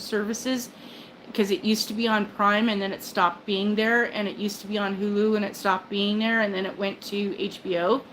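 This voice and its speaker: Speaking into her phone, an older woman chats her way through a casual livestream, wandering from thought to thought, cutting herself off with fillers, restarts and little laughs. She has a medium-pitched, slightly bright voice. There's some faint background noise, and the audio quality is rough.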